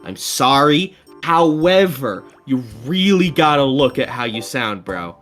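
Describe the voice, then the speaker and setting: A woman streamer giving casual reaction commentary, animated, swearing freely and laughing often. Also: extremely low pitch, measured pace, soft background music.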